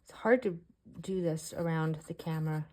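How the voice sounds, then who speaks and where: A woman with a Canadian accent giving a casual art tutorial voice-over, talking in short, halting phrases with fillers. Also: low-pitched, mellow. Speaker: artist teaching beginners.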